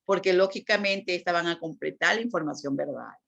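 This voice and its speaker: A woman's voice: on the low side, brisk, vocal fry, fairly bright tone. A woman teacher giving a lecture on communication, explaining patiently and checking in with frequent tag questions. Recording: dull lo-fi recording.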